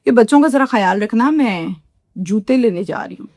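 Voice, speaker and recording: A woman's voice: on the high side, animated, normal speed, darkish tone, no echo, clean studio sound. Woman voicing an evasive young wife.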